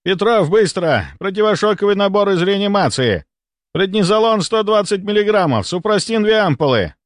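A man's voice: high voice, animated, normal speed, no room sound, studio quality, voice pushed up. A man voicing a seasoned doctor in his fifties who barks urgent orders at his staff. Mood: commanding. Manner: barking orders.

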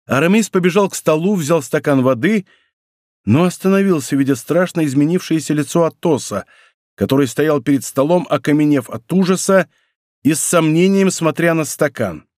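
A man narrating a classic adventure novel as an audiobook, in an expressive, theatrical manner. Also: on the high side, normal speed, no room sound, studio quality.

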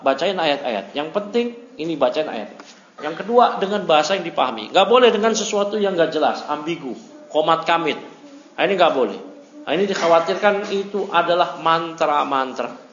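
A man's voice: on the high side, a little hiss or hum. Indonesian male preacher in an echoey hall. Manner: lively, conversational preaching with rhetorical questions. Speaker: Islamic teacher. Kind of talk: religious study lecture. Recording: echoey, dull amateur lecture recording.

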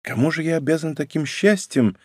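A man's voice: on the high side, brisk, darkish tone, no room sound, studio quality, pitched above the performer's own voice, close to an everyday voice. A man reading a brooding young nobleman. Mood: subdued.

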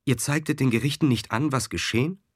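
A man's voice: mid-range voice, fairly quick, breathy edge, dry recording, studio quality, voice pushed up, natural voice. A man voicing an elderly noblewoman who pleads in distress. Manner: emotional, pleading delivery.

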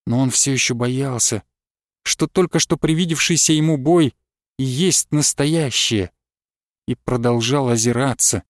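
A man narrating a novel as an audiobook, with a measured, expressive delivery. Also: mid-range voice, no room sound, clean studio sound.

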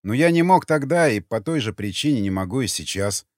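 A man reading the lines of a weary, bitter father in an audiobook, with an animated pitch and a dry close sound. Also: a little fast, dry recording, lightly acted. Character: weary grieving father, a stern settlement man.

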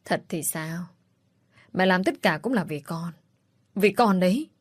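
A woman's voice: on the low side, lively intonation, unhurried, slightly rough, no echo, clean studio sound. A woman voicing a ruthless middle-aged stepmother who speaks with contempt and threats in a read-aloud story. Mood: defiant.

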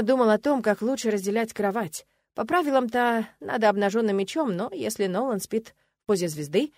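A woman reads a fantasy novel aloud in the first person, with a wry, expressive storytelling manner. Her voice sits at an ordinary middle pitch and swings lively up and down. The recording is dry and close, with no room sound around her. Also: dry recording. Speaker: audiobook narrator.

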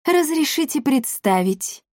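A woman's voice: a little high, animated, takes it slowly, no room sound, studio quality. Brief: sly villainous lady sorceress, mocking and gloomy, put on by a woman narrator, storybook. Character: mocking sinister noblewoman sorceress.

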